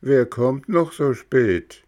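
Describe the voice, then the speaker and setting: A man voicing a calm, unhurried female snail in a storybook reading, speaking in a placid, drawn-out way. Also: mid-range voice, pitched above the performer's own voice.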